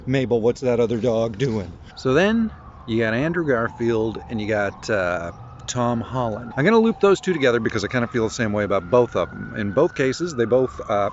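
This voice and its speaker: Man vlogger, rambling and opinionated, mid-pitched, slightly dull lo-fi outdoor sound with faint ambience. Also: slight background noise. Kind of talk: casual walking vlog monologue. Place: outdoors on a morning walk with a dog.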